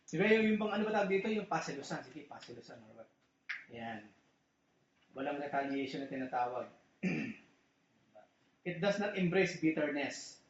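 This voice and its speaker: Chatty joking preacher man, echoey hall. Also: a little high. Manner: chatty, joking, asks "di ba?" often. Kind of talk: casual sermon in Taglish. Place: church hall. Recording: echoey, muffled church recording.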